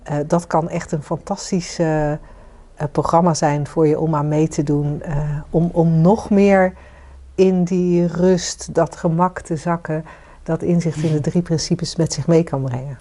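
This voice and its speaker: Inviting woman, lowish voice. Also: fairly even intonation, measured pace. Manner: warm inviting, asks listeners questions. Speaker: podcast co-host and coach. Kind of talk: casual conversation with listener invitations.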